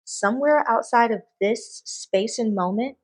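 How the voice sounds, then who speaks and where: Brief: lively woman guest in casual chat, tells stories with plenty of laughter. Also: a little high, measured pace, low-quality recording. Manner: animated, laughs often, expressive storytelling. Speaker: guest, medical professional. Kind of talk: casual podcast conversation.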